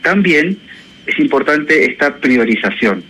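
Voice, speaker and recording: A Chilean man, an education professor, speaks as a guest in a radio interview, thoughtful, hesitant, and heavy with fillers. His slightly high voice swings widely in pitch and sounds pushed and bright, though his pace is unhurried. The rough recording is a radio broadcast with faint noise.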